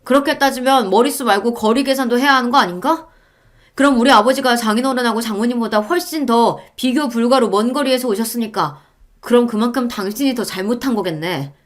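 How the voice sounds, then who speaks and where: A woman's voice: a little high, fairly quick, voice pushed up, lightly acted. A woman voicing a young husband who argues in a cool, cutting way.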